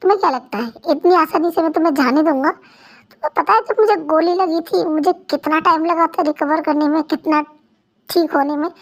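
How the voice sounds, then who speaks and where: A woman's voice: high voice, fairly quick. A woman voicing a scornful young man who keeps his wife captive, in an amateur fan dub. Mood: cold taunting. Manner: taunting, scornful.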